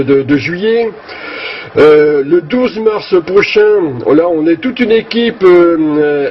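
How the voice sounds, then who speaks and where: Man, over CB radio, muffled lo-fi sound, faint hiss, hesitant with many fillers. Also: fairly high pitch. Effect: heard over a CB radio link. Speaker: CB radio operator. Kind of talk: casual explanatory radio chat.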